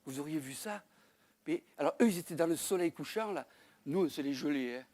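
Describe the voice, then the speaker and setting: A man's voice: on the high side, fairly quick, a little mellow. A male comedian telling a rambling comic story on a small theater stage, chatty, with frequent asides and crude exclamations. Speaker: stand-up comedian.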